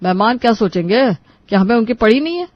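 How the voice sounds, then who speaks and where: A performer voicing a stern, grumpy middle-aged father in a cartoon story, scolding gruffly. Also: medium pitch, expressive, fast talker, dry recording, dull audio, lightly acted.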